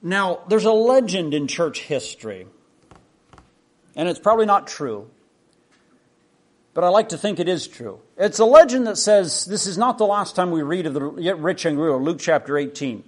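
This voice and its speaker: A man's voice: high-pitched, animated, moderate pace. A man preaching a sermon, telling stories in a conversational way with frequent restarts.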